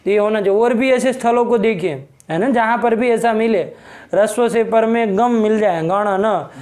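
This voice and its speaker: A man's voice: high voice, normal speed, a little mellow. A man teaching a Sanskrit grammar lesson in a classroom, prompting students with questions and repeated checks for understanding.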